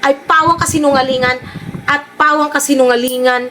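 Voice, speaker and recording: High-voiced woman, teasing vlogger. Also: steady tone, brisk, pushed and bright, a little hiss or hum. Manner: teasing, sarcastic, laughing. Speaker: vlogger reacting to clips. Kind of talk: mocking reaction commentary.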